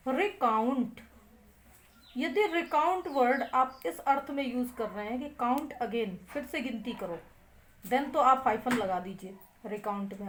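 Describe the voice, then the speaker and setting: A woman teaching a lecture, spelling words out letter by letter and drawing out syllables slowly, with an Indian English accent on English words. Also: fairly high pitch. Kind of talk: classroom lecture.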